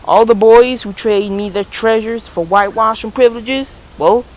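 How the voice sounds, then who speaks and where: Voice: medium pitch, moderate pace, close to an everyday voice, low-quality recording. Tom Sawyer, a student voicing a boastful boy. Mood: proud. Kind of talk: school project character play.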